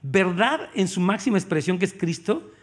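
High-voiced Mexican preacher, lively and conversational. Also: male voice, moderate pace. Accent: Mexican Spanish. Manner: lively, conversational, addresses the congregation. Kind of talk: sermon.

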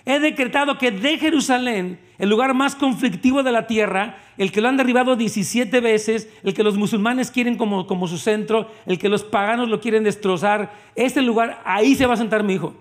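A man voicing God the Father, proclaiming loud, slow declarations of decree and adoring praise. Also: sits high, close to an everyday voice. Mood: commanding. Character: God the Father, proud, commanding, adoring his son.

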